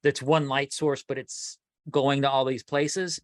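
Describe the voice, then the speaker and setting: A man's voice: medium pitch, measured pace, no room sound, clean studio sound. A man co-hosting a collecting podcast in casual chat, rambling and restarting as he tells his stories. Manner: animated, rambling with many restarts. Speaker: podcast co-host.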